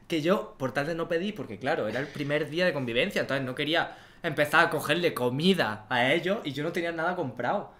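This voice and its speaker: A young man from Almería, Spain, with an Andalusian Spanish accent, co-hosts a podcast and tells casual stories in an animated way, laughing often and acting out quotes in different voices. His voice is on the high side and fast. He sits at a desk in a small studio room, speaking into a desk microphone on a stand.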